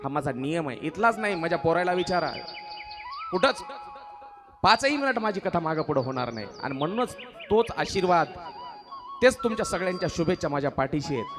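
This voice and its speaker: A man's voice: on the high side, sing-song, fairly quick, long pauses, over music. A male devotional preacher telling a sacred story in a sermon, questioning his listeners and sometimes breaking into song. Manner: exhorting, questions the audience and answers.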